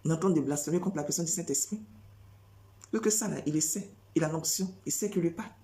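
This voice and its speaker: Une femme qui prêche sans notes, répète ses phrases et enchaîne les questions rhétoriques avec insistance. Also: female voice, deep voice, fast, mellow. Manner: repetitive, rhetorical questions, emphatic. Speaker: preacher. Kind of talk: spontaneous preaching monologue.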